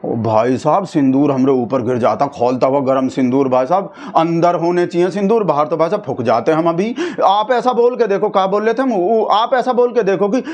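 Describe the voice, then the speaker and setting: A man playing a naive, excitable village man who rambles, swinging between high excited bursts and low mumbled asides. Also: moderate pace, hardly any pauses, close to an everyday voice. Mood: mumbling asides. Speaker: comedian playing a satirical character. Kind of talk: comic satirical monologue.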